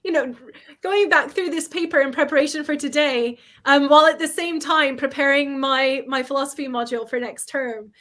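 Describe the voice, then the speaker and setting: Woman, guest lecturer, high pitch, reflective hedging, video call. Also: moderate pace, fairly bright tone. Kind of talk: academic discussion.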